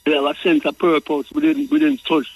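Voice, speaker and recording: A man's voice: fairly high pitch, big pitch swings, fairly quick, gravelly, slightly rough, dry recording, poor audio. A Jamaican man calling in to a talk show, speaking in Rasta speech and reasoning, often repeating and circling back over his phrases. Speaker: radio call-in guest.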